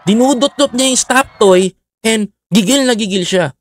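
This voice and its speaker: A man's voice: very high voice, normal speed. A man delivering a mocking satirical monologue, needling his target with repeated taunts and calling out to his viewers. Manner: mocking, keeps addressing viewers as fellow countrymen. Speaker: satirical political vlogger.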